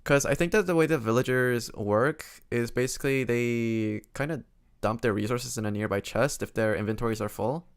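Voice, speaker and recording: A man streaming games, chatting casually in a quiet, low-energy way as his voice starts to go hoarse. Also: moderate pace. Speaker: game streamer.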